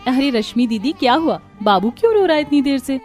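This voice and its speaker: एक महिला के अभिनय में ममता भरी कार्टून बहू, ऊँची पर नरम आवाज़ में सलाह देती हुई। पीछे धीमा संगीत सुनाई देता है।. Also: female voice, high-pitched, animated, a little fast. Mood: caring. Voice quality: gentle, earnest. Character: kind caring young wife and mother. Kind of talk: Hindi cartoon voice acting. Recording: light music behind voice.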